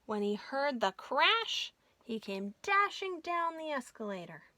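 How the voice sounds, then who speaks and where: A woman hosting a library storytime, reading a children's picture book aloud in an expressive, child-directed way. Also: high-pitched, a little slow, no room sound.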